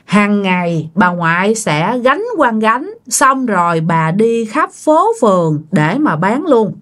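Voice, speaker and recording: A woman's voice: mid-range voice, big pitch swings, takes it slowly. A woman narrating a ghost story for her channel, chatty and colloquial, often speaking straight to her listeners.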